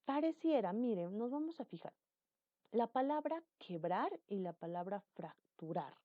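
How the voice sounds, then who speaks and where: A woman's voice: measured pace, no room sound. Teacher woman with a tinny, phone-like sound. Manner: animated, jumps up in pitch and volume for emphasis, acts out examples. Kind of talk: explaining a grammar lesson. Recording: dry, phone-like narrow sound.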